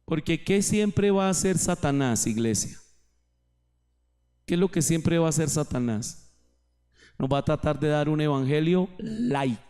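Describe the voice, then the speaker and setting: A man's voice: a little high, lively intonation, a little slow, pauses often, darkish tone. A male pastor preaching a sermon in church, rising and dropping his voice for emphasis.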